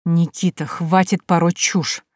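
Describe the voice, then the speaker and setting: A jealous male director speaks in short, clipped lines through his teeth, read by a woman. The voice is low and the sound is dry. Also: normal speed, darkish tone, no echo, lightly acted. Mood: curt. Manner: curt, through clenched teeth.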